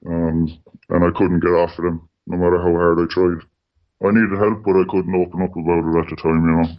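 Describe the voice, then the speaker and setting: Speaking fairly quickly with little pitch movement, an anonymous man on a radio interview has his voice disguised by a deep distortion filter. His manner is plain and matter-of-fact, full of "like" and "you know," captured in dull lo-fi sound.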